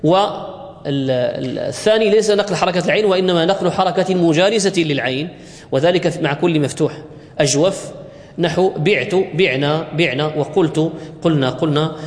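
Man lecturing in a reverberant hall. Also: fairly high pitch. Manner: explains step by step, asks the class if it is clear; drawn-out recitation of example words. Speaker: grammar teacher. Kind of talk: classroom lecture.

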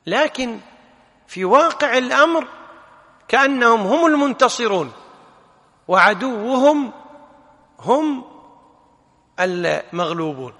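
A male religious teacher, explaining a text to students in an animated way with rhetorical questions and corrections. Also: very high-pitched, slow pace, pauses often. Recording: long hall reverb.

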